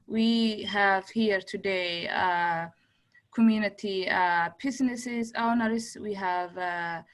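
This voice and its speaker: A woman moderating a round-table video call, introducing speakers haltingly with many uh fillers. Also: mid-range voice, rough recording.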